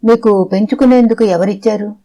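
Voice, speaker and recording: A narrator of an audiobook voicing a middle-aged man who presses a family with quick, pointed questions. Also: medium pitch, fairly even intonation, warm tone, natural voice. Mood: questioning.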